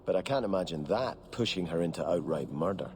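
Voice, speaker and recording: An actor playing a devout young nobleman in a game, speaking in an earnest, formal, measured way. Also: sits low, expressive, darkish tone, slight background noise. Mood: solemn. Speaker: game character.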